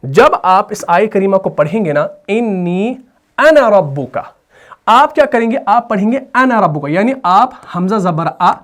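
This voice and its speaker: Patient Urdu-speaking male Quran teacher. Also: high voice. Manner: patient, checks understanding with repeated questions. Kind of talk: explanatory lesson with slow chanted recitation.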